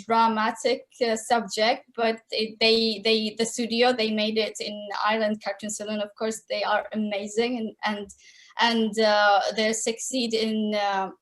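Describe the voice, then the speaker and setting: Her voice a little high and a bit bright, this Iraqi woman in her thirties speaks at a measured pace with a completely flat delivery. A concept artist appearing as a podcast guest by video call from home, she hesitates and gropes for words.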